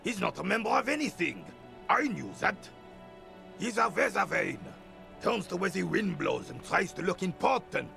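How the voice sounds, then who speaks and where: A gravelly, bitter old soldier. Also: male voice, medium pitch, lively intonation, moderate pace, fairly bright tone, faint music behind. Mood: scornful. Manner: contemptuous, scolding. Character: bitter old male soldier, scornful and grumbling. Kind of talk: video game voice acting.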